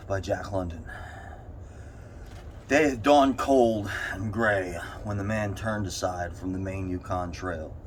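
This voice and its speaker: A man reading a short story aloud with deliberate, paused phrasing while sitting in the cold of an ice bath. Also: lowish voice. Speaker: reader. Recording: steady background noise.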